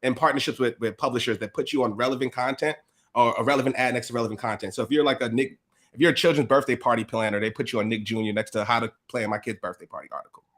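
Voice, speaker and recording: A man telling his career story as a guest in a casual interview, slangy and lively, acting out what people said and laughing often. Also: mid-range voice, very fast. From USA.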